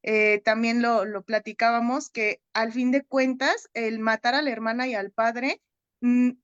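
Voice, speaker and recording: A woman's voice: fairly high pitch, steady tone, measured pace, clear, resonant tone, no echo, muffled recording. A woman, a psychotherapist, talking through a film in a discussion group, hesitant and often ending her points with a questioning tag. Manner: hesitant, frequent "¿no?" tags.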